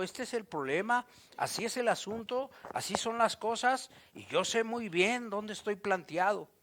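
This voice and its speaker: A man preaching a sermon, asking his listeners questions and acting out the voices in the story. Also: sits high. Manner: animated, asks the listeners questions, acts out voices in quotes.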